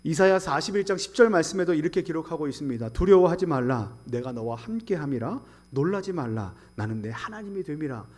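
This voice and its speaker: A middle-aged man preaching a sermon as pastor, asking the congregation rhetorical questions and swinging between loud emphatic scripture quotes and quiet asides. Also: a little high, expressive, fairly quick, hardly any pauses.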